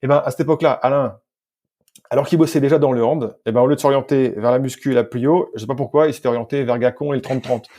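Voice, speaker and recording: Speaking quickly in a dark, medium-pitched voice with fairly even intonation, a French podcast guest tells relaxed stories about his job as a sports scientist and physical coach. His speech is colloquial, and he often repeats words and corrects himself.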